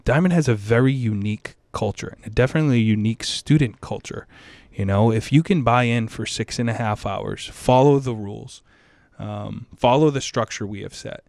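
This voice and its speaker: A middle-aged man, speaking as a high school administrator in an interview, energetic and passionate, often repeating himself. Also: moderate pace, gravelly, no room sound. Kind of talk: interview answers.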